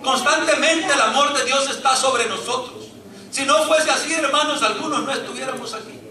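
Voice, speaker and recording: High, bright-voiced preacher in an echoey church. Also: male voice, moderate pace. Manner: impassioned preaching, often addressing the congregation as brother. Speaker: pastor. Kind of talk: sermon. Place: church hall. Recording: echoey church, mic at a distance.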